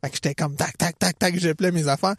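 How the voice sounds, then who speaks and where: Quebec man, chatty co-host, a touch high-voiced, animated and slangy, dry close sound. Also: fast talker, creaky, slightly rough, no echo. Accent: Quebec French. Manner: animated, colloquial, swears casually. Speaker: podcast co-host, running coach. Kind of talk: casual chat, storytelling.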